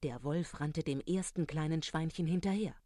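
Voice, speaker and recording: A storyteller reading a fairy tale aloud in a calm, even manner. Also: mid-range voice, normal speed, no room sound, clean studio sound.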